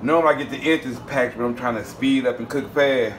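A relaxed, chatty Southern man narrates a cooking vlog from his home kitchen, speaking directly to viewers and calling them "y'all." He's medium-pitched and a little fast, and there's a faint hiss or hum.

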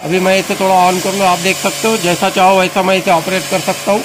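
A man's voice: sits high, level tone, fairly quick, background noise. A man hosting his own channel, walking viewers through a hands-on product demo in a friendly, instructional way, often repeating a set phrase. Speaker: channel host demonstrating a car washer.

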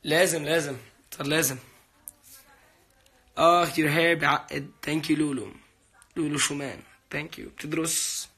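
A man's voice: on the high side, fairly even intonation, unhurried, long pauses, bright, forceful tone, slightly rough. A young man hosting a casual livestream, chatty and playful as he reads out and thanks his fans. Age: young adult. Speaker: livestream host answering viewer comments. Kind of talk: casual live chat.

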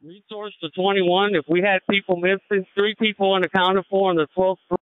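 A man's voice: high voice, flat delivery, brisk, clear, resonant tone, no room sound. A man, a firefighter, giving terse status reports over a two-way radio. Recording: tinny, narrow-band fire radio channel.

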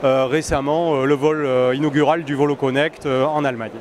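A man in his forties, a sales manager answering interview questions in a measured, hesitant way with many filler sounds, recorded on a handheld mic. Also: mid-range voice, level tone. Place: busy indoor trade-show hall. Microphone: handheld interviewer mic close up. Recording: clear crowd hall noise behind.

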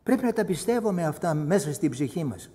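A man preaching a sermon as pastor, impassioned, swinging between loud outbursts and hushed asides. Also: fairly high pitch, very animated, in a large hall. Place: church hall.

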